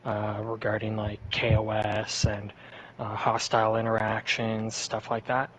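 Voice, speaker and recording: A man's voice: on the low side, monotone, measured pace, a bit bright, a little hiss or hum, rough recording. Man rambling in laid-back chat. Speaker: podcast guest. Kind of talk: casual chat.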